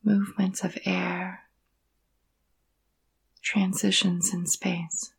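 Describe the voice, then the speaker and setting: This yoga nidra meditation guide is a woman whose voice sits on the low side, soft and breathy with a creaky, gravelly fringe. She keeps her tone even and gentle, offering quiet, calming phrases with long silences between them.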